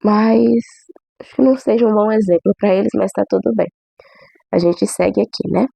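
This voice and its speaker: Hoarse Brazilian woman, gravelly and dry. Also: medium pitch, steady tone, normal speed, dark tone, no echo. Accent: Brazilian Portuguese. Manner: chatty, many "né?" tags. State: hoarse from a cold. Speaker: church member giving testimony. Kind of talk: casual testimony to camera.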